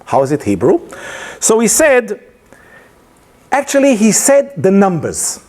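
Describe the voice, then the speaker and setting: During a casual lunchtime lecture, a male speaker with a high, unhurried voice recounts a story with many hesitations and restarts. He is not a native English speaker, and his telling is lively and punctuated by laughter.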